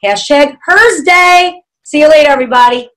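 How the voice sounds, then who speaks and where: Host, female, New York accent, high voice, brash chatty panel banter. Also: normal speed, low-quality recording. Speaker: talk show host. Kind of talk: casual panel chat.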